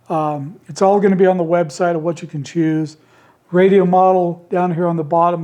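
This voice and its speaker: A male ham radio channel host with a high, mellow voice gone hoarse talks casually to camera about the handmade keypads he sells. His delivery is easygoing and rambling, full of homespun phrasing, and he sounds worn out. He's in an indoor radio shack with a computer behind him.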